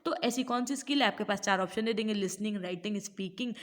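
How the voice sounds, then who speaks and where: A woman's voice: medium pitch, normal speed. A woman teaching an online teacher-training class, explaining step by step and often asking her students to answer.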